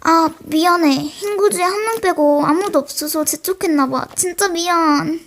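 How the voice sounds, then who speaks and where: Her voice is very high and her pace moderate as this teenage girl, slightly sore-throated, plays a streamer in a scripted role-play she creates alone. She addresses pretend chat viewers head-on, chatty one moment and scolding the next.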